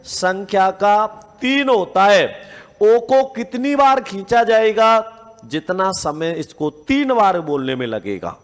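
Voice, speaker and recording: A man's voice: high-pitched, in a large hall. A man teaching a grammar lesson. He asks the class questions, answers them himself, and stretches out sounds to demonstrate them.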